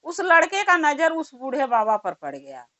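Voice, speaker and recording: Woman storyteller, devotional folk tale, conversational delivery, fairly high pitch. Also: wildly swooping pitch, moderate pace, a bit bright, no room sound, highs cut off. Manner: conversational, folksy narration.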